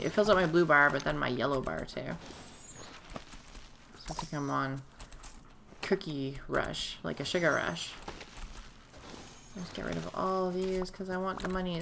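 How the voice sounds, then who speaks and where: A woman streamer, hoarse and losing her voice, chatting casually while playing a game at home. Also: sits low, a bit bright, slight background noise. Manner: chatty, rambling, self-interrupting. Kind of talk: casual live gameplay commentary. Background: game music.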